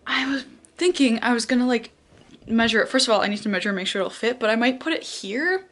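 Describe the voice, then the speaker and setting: A woman's voice: on the high side, fast, a bit bright. A young woman vlogging at home in her bedroom, chatting casually with lots of fillers. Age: young adult. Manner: bubbly, chatty, many "like" fillers. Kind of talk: casual vlog chat.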